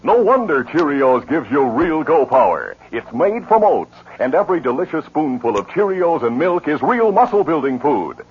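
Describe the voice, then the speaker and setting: On a dull old broadcast recording, a man announces and narrates a 1950s radio western. His scripted delivery is booming, emphatic and very animated, at normal speed with few pauses.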